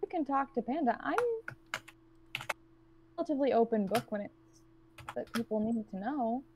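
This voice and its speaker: Woman playing a blunt, monotone loner. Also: on the high side, moderate pace, highs cut off, noisy background, natural voice. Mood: cold. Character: cold, guarded woman trapped with strangers.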